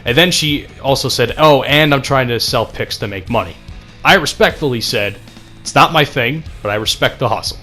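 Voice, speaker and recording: A young man rants over his gameplay in a bright, forceful voice, swearing constantly and rambling as he goes. He sounds sarcastic and off the cuff, with faint guitar music in the background. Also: medium pitch, normal speed. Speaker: gaming channel host. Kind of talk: casual rant over gameplay.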